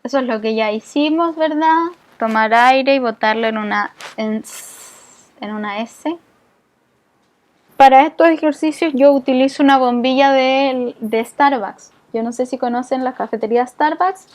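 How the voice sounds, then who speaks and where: A woman's voice: high-pitched, moderate pace. A woman teaching a community voice-care class, explaining patiently and checking in with the group often. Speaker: voice therapy instructor.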